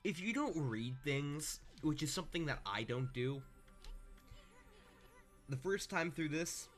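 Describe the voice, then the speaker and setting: Animated young gamer man, sarcastic. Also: fairly high pitch, measured pace. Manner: sarcastic, joking asides, wanders off mid-sentence. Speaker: let's-play gamer. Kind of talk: casual game commentary. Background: faint game music.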